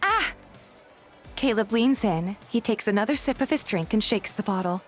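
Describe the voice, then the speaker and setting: Speaking briskly at a medium pitch, a female voice actor reads audio-drama-style first-person narration. She both narrates and portrays the heroine of a fan dub, accompanied by background music.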